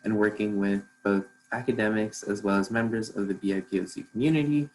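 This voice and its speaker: A man with a fairly low voice narrates a software demo over a noticeable background hum. He presents like a student showing a project, explaining each step in a measured way. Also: fairly even intonation. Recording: clearly noisy, humming background.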